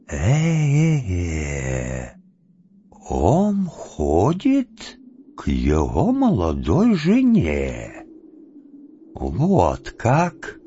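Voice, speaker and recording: A man's voice: low voice, a little mellow, a little hiss or hum, exaggerated voice. Man doing a grumbling old Cossack. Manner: muttering to himself, indignant outbursts. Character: aging grumbling Cossack villager, stubborn and resentful. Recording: dull lo-fi audiobook, faint music.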